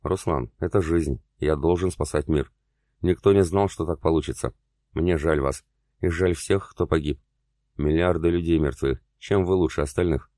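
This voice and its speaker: A cold, detached commander from an audiobook, read by a man who speaks in a calm, measured way. The voice is very deep and dark. The recording is dry and close. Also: no echo. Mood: cold, resigned.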